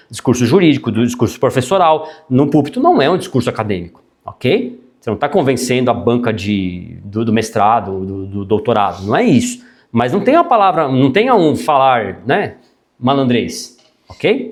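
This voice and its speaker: A man teaching a public speaking class, animated and chatty, dropping frequent tag questions and jokey asides. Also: mid-range voice. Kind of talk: classroom lecture.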